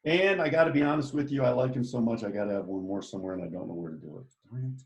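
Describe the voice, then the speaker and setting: A man's voice: mid-range voice, racing. Chatty, enthusiastic male art teacher. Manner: enthusiastic, chatty, directs students step by step. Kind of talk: art lesson for children. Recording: echoey room.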